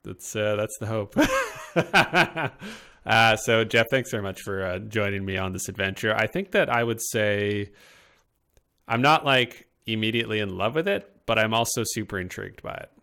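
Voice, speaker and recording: A man's voice: on the low side, very animated, normal speed, bright, forceful tone. A man hosting a casual let's-play, chatting in an easygoing, talkative way. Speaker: host.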